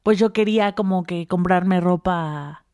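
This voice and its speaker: A young woman with a Mexican accent, co-hosting a casual podcast chat and telling a personal story with animated delivery and frequent laughter. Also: on the low side, measured pace, clear, resonant tone, no room sound, clean studio sound. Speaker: podcast co-host.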